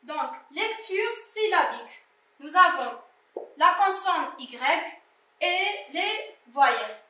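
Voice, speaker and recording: In a primary school French reading class, a woman patiently sounds out words syllable by syllable for small children. She takes her time, her very high voice lively in intonation and sharp in tone, captured from a distance in an echoing room.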